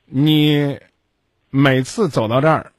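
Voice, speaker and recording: A man's voice: medium pitch, steady tone, slow pace, no room sound. A man hosting a call-in advice show, blunt and scolding, who keeps cutting his caller off. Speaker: radio advice host.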